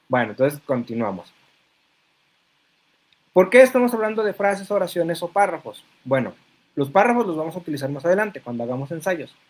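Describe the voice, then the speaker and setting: A man lectures in an online class, his voice sitting a bit high for a man. He explains patiently, pausing on fillers and checking that his students follow along. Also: a little mellow, poor audio. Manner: hesitant fillers between phrases. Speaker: teacher.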